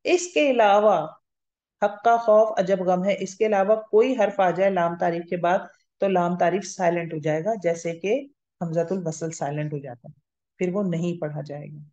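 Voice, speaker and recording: A woman's voice: on the low side, fairly even intonation, normal speed, warm tone. Woman teacher doing a patient step by step grammar class, echoey room, kinda muffled sound. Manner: patient, explains step by step, often checks understanding. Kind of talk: classroom lecture. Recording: roomy, slightly muffled lo-fi recording.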